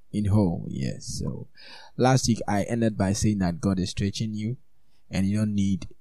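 Male preacher, low and mellow, dry close sound, chatty sermon delivery. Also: dry recording, poor audio. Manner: conversational, reflective, with asides. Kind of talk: sermon with scripture reading.

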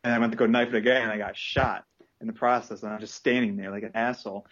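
Foul-mouthed, animated man telling stories. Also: lowish voice, fast, background noise. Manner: animated, profane storytelling with yelled impressions. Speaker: podcast host. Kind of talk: casual chat. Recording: dull lo-fi podcast audio.

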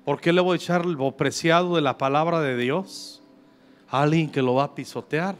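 A Mexican man in his fifties preaches at a church service with a rather high voice. He keeps it slangy and joking, then reads scripture aloud to the congregation. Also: normal speed. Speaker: pastor.

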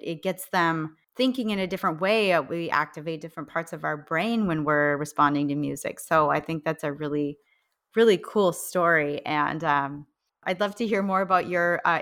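A woman's voice: fairly low pitch, a bit bright. A woman from North Dakota hosting a podcast, introducing her guest and chatting in an upbeat, encouraging way. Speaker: podcast host.

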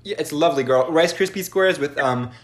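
Wry young man, slightly high voice. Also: brisk. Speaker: podcast co-host. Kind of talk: casual chat.

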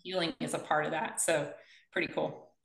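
A woman's voice: deep voice, steady tone, moderate pace, creaky. A woman physical therapist being interviewed, telling stories with energy and acting out the quoted dialogue. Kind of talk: conversational interview. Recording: echoey room.

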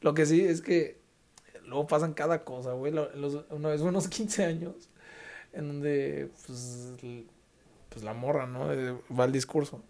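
A man's voice: on the high side, a little slow. Slangy young Mexican man telling stories. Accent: Mexican Spanish. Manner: slangy, animated, acts out quoted people. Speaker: podcast host. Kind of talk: casual storytelling.

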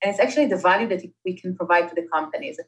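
A woman's voice: on the low side, racing. Woman chatting with many fillers. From Israel. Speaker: guest, startup investment partnerships manager. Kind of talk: conversational interview.

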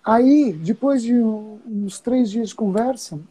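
Brazilian lady lama chatting, super dark mellow voice, kinda husky, lots of little laughs. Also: fairly high pitch, rough recording. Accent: Brazilian Portuguese. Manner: storytelling, chuckles often, drawn-out pauses. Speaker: Buddhist teacher (lama). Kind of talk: casual conversation.

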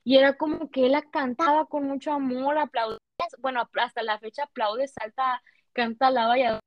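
A woman's voice: sits high, flat delivery, a little fast, no echo, muffled recording. A young woman tells a heartfelt, emotional personal story in casual conversation, full of fillers. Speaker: guest sharing a testimony.

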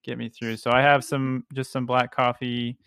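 A man's voice: mid-range voice, moderate pace, vocal fry, clear, resonant tone, no room sound, studio quality. A man hosting a podcast, reading a scripted intro and then chatting casually with fillers while interviewing a guest. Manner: casual, relaxed with filler words. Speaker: podcast host. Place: home.

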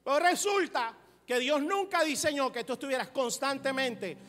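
High-voiced man preaching in an echoing hall. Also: normal speed. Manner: preaching, calls for amen, laughs, rises to loud emphasis. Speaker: pastor. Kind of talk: sermon. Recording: roomy long reverb with faint music.

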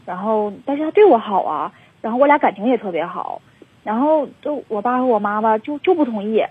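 A woman's voice: fairly high pitch, expressive, fairly quick, husky, no echo. A young woman in her twenties with a Northeastern Mandarin accent, calling in over the phone and rambling through her story with many fillers. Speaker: caller. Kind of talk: phone-in confession. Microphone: telephone. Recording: tinny dry phone line.

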